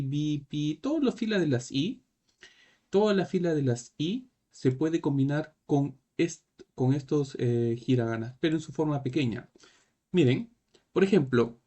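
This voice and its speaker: Slow, patient male Japanese teacher. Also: a little high, warm tone. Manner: slow, repetitive, checking in with "¿no?" and "¿sí?". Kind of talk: classroom lesson.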